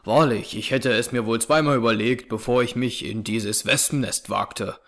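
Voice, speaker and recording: A man reading aloud, voicing a grim, determined young frontier hunter in a low, hushed, firm tone. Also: fairly even intonation, normal speed, natural voice. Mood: urgent. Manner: urgent, clipped and firm. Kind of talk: audiobook character reading.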